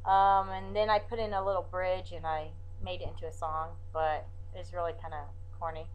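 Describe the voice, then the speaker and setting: A woman's voice: on the low side, little pitch movement, moderate pace, muffled recording. A woman with a scratchy voice, reciting her own poems and singing them, between hesitant, self-deprecating remarks full of fillers. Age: adult, has a grown daughter. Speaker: amateur poet and singer.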